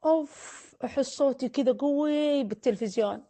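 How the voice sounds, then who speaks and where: A woman's voice: sits high, a little fast, warm tone. A woman, a family counselor hosting a casual live stream, reading viewer comments aloud, teasing them and offering blessings.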